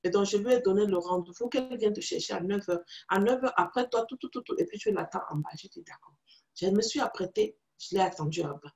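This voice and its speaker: A woman's voice: mid-range voice, fast talker. A woman from Africa telling her own story as a preacher, acting out the dialogue of the people in it. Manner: animated storytelling, acts out dialogue with others in the story. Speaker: preacher and teacher. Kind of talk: testimony in a teaching video.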